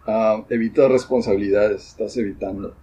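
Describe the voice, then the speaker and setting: A man's voice: fairly low pitch, fairly even intonation, moderate pace, dark tone, breathy edge, rough recording. A young man with a Mexican accent, chatting casually in a laid-back, slangy way. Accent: Mexican Spanish. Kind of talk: casual chat.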